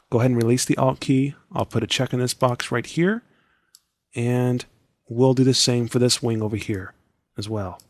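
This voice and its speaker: Narrating a screen-recorded editing tutorial, an instructor explains each step in a relaxed, conversational way. His medium-pitched voice is raspy and tired, like it is giving out. The audio is dry and close-miked, free of any room sound.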